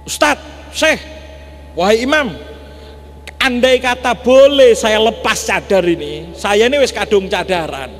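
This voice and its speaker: A man's voice: sits high, unhurried, a bit bright. A man doing a fed-up young wife, East Javanese. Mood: proud. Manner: complaining, pleading and insistent. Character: indignant young veiled wife, boasting of her beauty. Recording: echoey mosque hall, faint hum.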